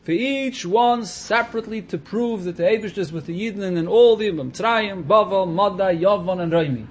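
A man's voice: high voice, normal speed. A man explaining religious texts in an informal lesson, posing questions and answering them as he goes. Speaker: teacher of a Talmud class.

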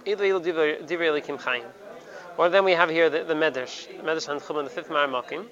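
A man's voice: fairly high pitch, fast, a bit bright. A man teaching a Torah lesson, stopping and repeating words and mixing Hebrew terms into his English. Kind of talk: Talmudic study lesson. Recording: dull lo-fi recording with crowd behind. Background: crowd noise.

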